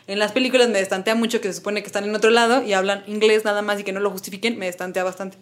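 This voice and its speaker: A woman's voice: mid-range voice, steady tone, racing. A young woman with a Mexican Spanish accent, hosting a podcast in casual chat, slangy, blunt and joking. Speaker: podcast host.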